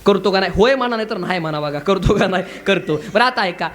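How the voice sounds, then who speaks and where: A man's voice: high-pitched, lively intonation, fast talker, a bit bright. A man preaching a comic devotional kirtan, calling out to the crowd to answer him back. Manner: calls out to the crowd for responses. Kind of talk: comic devotional sermon with singing.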